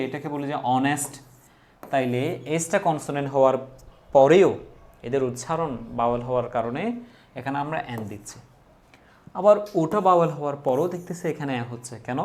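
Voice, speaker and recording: Male English tutor, mid-pitched, asks and answers his own questions, spells out examples slowly. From Bangladesh. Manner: asks students questions and answers them himself; slows down to read out example words one by one. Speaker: English teacher. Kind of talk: grammar lesson for exam students.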